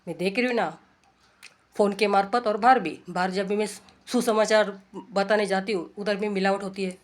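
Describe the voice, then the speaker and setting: A woman preacher gives an informal, earnest sermon that exhorts her listeners, much like a casual talk at home. Her mid-range voice stays steady at a moderate pace as she repeats her points and checks in with rhetorical questions.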